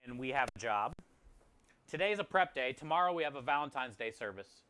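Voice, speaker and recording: A man's voice: medium pitch, lively intonation, brisk, sharp tone. A man chatting casually to livestream viewers as a chef and host, in a friendly, appreciative and conversational way. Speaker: food truck chef and streamer.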